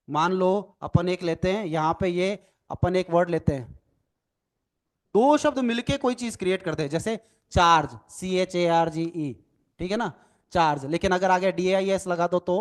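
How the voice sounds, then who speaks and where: A man teaching a recorded lecture as an NLP trainer, explaining step by step, spelling words out letter by letter and often adding "ठीक है ना" as a check. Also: high-pitched. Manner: explanatory, repeats "ठीक है ना" tag questions; mixes English phrases into Hindi.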